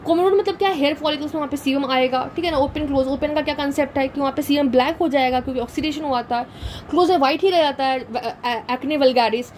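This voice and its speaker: A woman's voice: high voice, fast, darkish tone, a little hiss or hum, poor audio. A woman teaching a medical class, explaining step by step, asking and answering her own questions as she draws diagrams. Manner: draws diagrams while talking, frequent "theek hai na". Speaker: medical lecturer. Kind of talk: classroom lecture, mixing Hindi and English.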